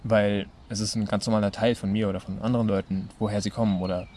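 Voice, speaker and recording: A man's voice: lowish voice, flat delivery, quick pace, darkish tone, slight background noise. Hesitant 23-year-old Italian-born man. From Italy. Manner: loose, hesitant, many fillers. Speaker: interviewee, student. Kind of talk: casual interview talk.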